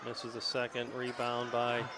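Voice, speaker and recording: A man giving quick, casual color commentary on a high school basketball game. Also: completely flat delivery. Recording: loud gym noise.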